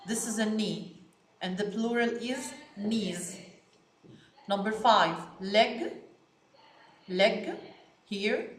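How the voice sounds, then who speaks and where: An Egyptian woman whose first language is Arabic teaches English vocabulary to children, repeating each word slowly and stressing it. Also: mid-range voice, echoey room, slight background noise. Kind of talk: slow classroom vocabulary lesson.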